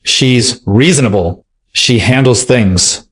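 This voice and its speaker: A man's voice: medium pitch, slow, fairly bright tone, breathy edge. A weary, conflicted husband, as a male storyteller reads him. The lines come tired and curt, in an ordinary mid-range voice, barely set apart from the narration.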